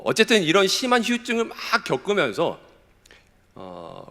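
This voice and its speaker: A male pastor giving a sermon, questioning his congregation in an emphatic way and sounding slightly hoarse. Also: medium pitch, a bit bright, long reverb tail. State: hoarse, recovering from illness. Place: church sanctuary.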